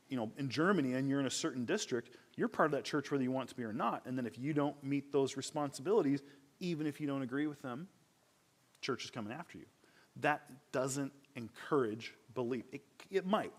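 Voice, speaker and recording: A man's voice: medium pitch, fairly quick. Conversational man teaching a church class. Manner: conversational, self-correcting, rhetorical questions. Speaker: Bible teacher.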